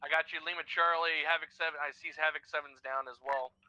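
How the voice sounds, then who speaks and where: A man's voice: on the high side, fairly even intonation, quick pace, bright, forceful tone, lo-fi sound. A man flying as a pilot in a military game, speaking in clipped radio procedure over a walkie-talkie. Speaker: aircraft pilot. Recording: noisy distant radio line.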